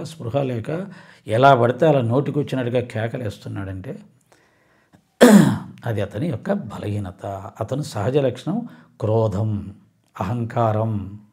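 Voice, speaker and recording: Mellow-voiced man giving a devotional talk. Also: mid-range voice. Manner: earnest storytelling, acting out quoted speech. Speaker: spiritual speaker. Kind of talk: devotional discourse.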